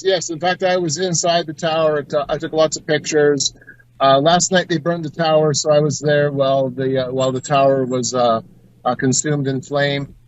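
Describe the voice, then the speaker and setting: A man giving an informal live field report as an on-site correspondent, explaining things with hesitant pauses over a remote call. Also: a little high, no echo. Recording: dull, lo-fi remote call audio.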